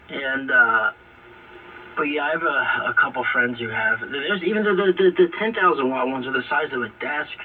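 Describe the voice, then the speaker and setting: An amateur radio operator, a man with a medium-pitched voice at normal speed, chats informally in slang over an AM shortwave link. The sound is phone-like, distant, and noisy, like an AM radio transmission.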